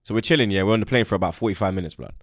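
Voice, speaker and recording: A young Englishman with a London accent hosts a podcast, racing through a casual, slangy story and acting out the lines of the people in it. His voice is lowish, and the recording is studio quality with no echo.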